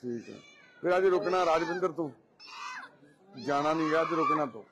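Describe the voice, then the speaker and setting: A man with a Punjabi accent, gently reassuring visitors at a charity and giving them firm advice. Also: fairly high pitch, moderate pace, very noisy. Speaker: head of a charity society, meeting visitors. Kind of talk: casual, comforting talk with visitors. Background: crowd chatter.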